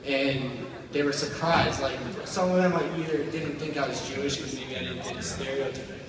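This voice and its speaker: A young American man in his early twenties doing amateur live stand-up, rambling and halting as his jokes fall flat. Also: mid-range voice, over a noisy crowd. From United States, grew up outside Indiana. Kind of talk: live stand-up comedy, joke bombing. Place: stage at a live event. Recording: echoey, noisy hall, recorded from far off.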